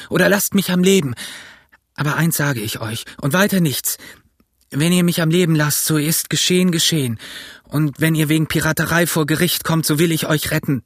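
A man's voice: fairly high pitch, dry recording, lightly acted. A young ship's boy speaks out in worked-up defiance, his voice lifted and close to breathless, as a man reads him. The delivery is urgent throughout. It is recorded dry and close for an audiobook.

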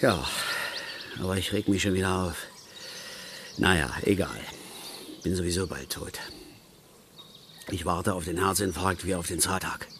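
A grumpy middle-aged angler. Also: male voice, sits low, measured pace, long pauses, noisy background. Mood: gloomy. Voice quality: gruff, pedantic, sulky ranting. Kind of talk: radio play acting.

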